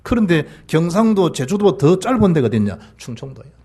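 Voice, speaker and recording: Animated husky Gyeongsang-accented pastor. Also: male voice, brisk. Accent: Gyeongsang Korean. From South Gyeongsang, South Korea. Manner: animated preaching, rising to emphatic peaks and dropping low. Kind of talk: sermon.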